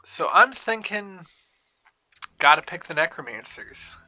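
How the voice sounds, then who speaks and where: A man's voice: fairly high pitch, sing-song, unhurried, bright, forceful tone, highs cut off, soft background music. A man giving casual game commentary, musing aloud in a wry way as he plays. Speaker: gamer narrating a playthrough.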